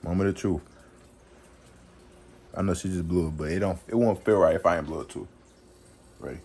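A man's voice: deep voice, fairly quick, darkish tone, husky. A young man chatting casually in a home kitchen cooking vlog, laid-back and slangy, recorded close on a phone. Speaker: co-host. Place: small home kitchen, indoors. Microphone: phone camera held close.

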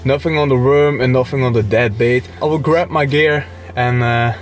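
A man's voice: medium pitch, moderate pace. Young man explaining his fishing gear. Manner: relaxed, plain explaining with fillers. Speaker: angler and vlogger. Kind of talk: casual explaining to camera. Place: outdoors by a canal. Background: music.

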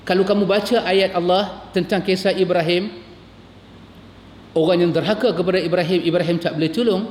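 A Malaysian man preaching a sermon as a religious teacher, his voice climbing with emotion and slowing to recite Arabic. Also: fairly even intonation, a little mellow. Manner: impassioned, pitch climbing as he retells scenes, Arabic recited slowly. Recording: echoey hall with long reverb, faint room noise.

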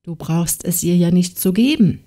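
A woman's voice: fairly low pitch, moderate pace, natural voice. Woman reading a courteous noble knight. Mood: kindly. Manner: gentle, courteous. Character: kindly noble male knight, gracious. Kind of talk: fairy tale audiobook reading.

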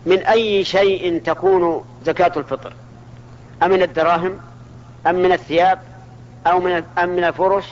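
A man's voice: high voice, steady tone, a little fast, pauses often, slight background noise. A man teaching a religious lesson, asking his listeners questions and answering them himself. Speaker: Islamic scholar teaching. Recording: dull lo-fi archival recording.

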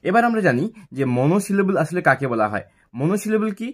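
Teaching English grammar in classroom style, a man with a fairly high, breathy-edged voice poses questions and then answers them. He's very animated and slowly repeats example words, splitting them into separate syllables.

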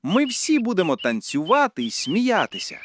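A man voicing a small, brave and cheerful girl squirrel in a storybook tale, exclaiming brightly. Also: sits high, huge pitch swings, normal speed, a little hiss or hum, heavily acted. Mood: joyful. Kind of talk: storybook narration. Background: music.

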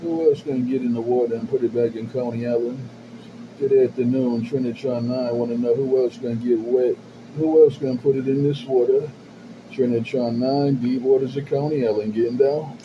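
A man chatting over a CB radio channel from his base station. His voice comes through muffled and lo-fi, with loud static hissing behind it. He keeps circling back to the same rhythmic call-outs and sign-offs. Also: medium pitch, steady tone, fairly quick. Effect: CB radio transmission. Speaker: CB radio operator.

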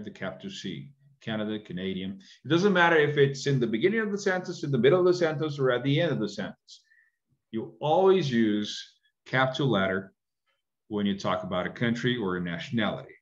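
A man's voice: mid-range voice, fairly quick. A middle-aged man teaching an online English lesson, explaining patiently and often checking in with "right?", recorded on a webcam indoors. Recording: dull lo-fi webcam audio.

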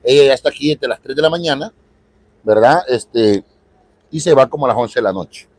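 A man's voice: mid-range voice, brisk, a little mellow, breathy edge, dry recording. A man with a Salvadoran Spanish accent livestreaming from a city street, chatting with viewers and greeting them by name. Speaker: livestream vlogger. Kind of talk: casual live street stream.

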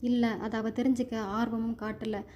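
Soft-spoken cop's wife, woman reading her, gentle, slightly high, flat delivery. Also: unhurried, highs cut off, slight background noise, natural voice. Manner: gentle, hesitant. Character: kind young policeman's wife, gentle.

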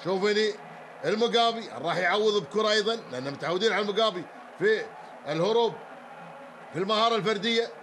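An excitable man with a Kuwaiti Arabic accent calls a handball match live. His voice sits high, he often breaks into shouts and repeats the same phrase several times, and faint background noise runs underneath. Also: fast talker. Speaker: handball commentator. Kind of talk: live sports commentary.

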